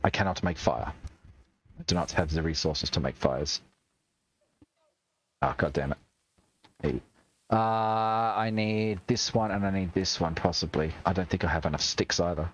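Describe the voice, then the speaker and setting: Playing a video game on stream, a young man from Australia chats away, cracking jokes and swearing. He speaks in a low voice at a moderate pace with long pauses, and the recording lacks high frequencies.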